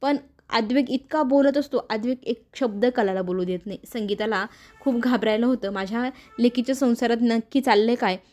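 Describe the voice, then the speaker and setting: A woman's voice: on the high side, a little fast, a little mellow. A woman narrating a recap of a TV serial episode, retelling each scene and reading the characters' lines in her own voice.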